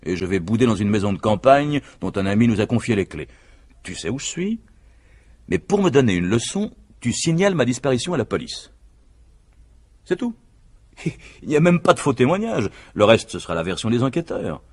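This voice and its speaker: In an old French radio mystery, an actor voices a confident, plotting husband, his husky delivery persuasive and emphatic. This man's medium-pitched, darkish voice is sing-song and a little fast, with an eager, boastful mood.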